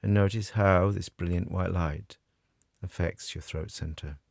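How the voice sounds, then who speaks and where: A man guiding a scripted meditation in a soothing, measured way with long pauses. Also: low voice, fairly even intonation, creaky, a little mellow, no room sound, clean studio sound. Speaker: meditation guide. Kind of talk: guided meditation narration, scripted.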